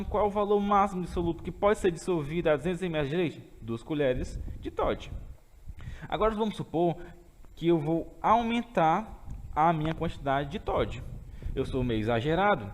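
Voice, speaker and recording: A man with a fairly high voice and a long reverb tail teaches a remote chemistry lesson in a Brazilian Portuguese accent. He explains step by step and keeps checking in with his students by asking "tá certo?".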